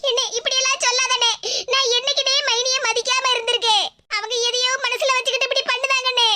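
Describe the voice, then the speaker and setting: A woman's voice: extremely high pitch, little pitch movement, fast, very noisy. A woman voicing a young village woman in a cartoon, an anxious, pleading sister speaking with a Tirunelveli Tamil accent. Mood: hurt. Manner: pleading, repeatedly calling out.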